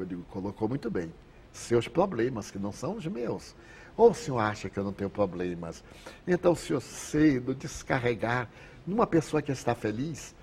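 A man's voice: medium pitch, a little hiss or hum. A Brazilian man giving an inspirational spiritist lecture, telling anecdotes and acting out the dialogue. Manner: expressive, acts out dialogue in anecdotes. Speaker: spiritist speaker.

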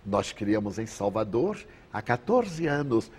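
Low-voiced Brazilian man giving an animated lecture. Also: unhurried, a little hiss or hum. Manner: expressive, acts out dialogue in anecdotes. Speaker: spiritist speaker. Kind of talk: inspirational lecture with storytelling.

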